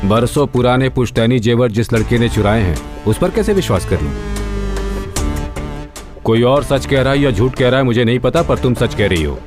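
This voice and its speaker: A stern middle-aged parent, dubbed by a man, hands down a grave decision. Guitar film music plays clearly behind him. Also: medium pitch, lively intonation, moderate pace, close to an everyday voice. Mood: firm. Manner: firm, grave. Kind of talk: Hindi film dub.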